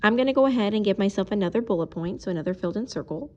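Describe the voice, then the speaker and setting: A woman's voice: mid-range voice, expressive, racing, highs cut off. A woman teacher recording a math video lesson, talking patiently and explaining each step while she writes.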